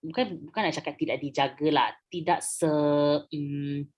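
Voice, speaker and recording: A woman's voice: low voice, steady tone, moderate pace, a little mellow, dull audio. A young Malaysian woman teaching a history lesson in a chatty way, mixing languages and acting out quotes. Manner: code-switching, chatty, acts out quotes.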